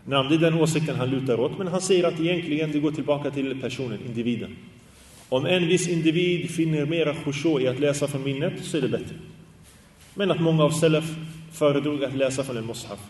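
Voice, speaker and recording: A man's voice: fairly high pitch, a little mellow, reverberant, long reverb tail, far from the mic. A man teaching a religious study class, asking his students questions and chanting Arabic quotations in a sung tone. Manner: asks the class questions and answers them; recites Arabic phrases in a sung tone. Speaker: Islamic teacher.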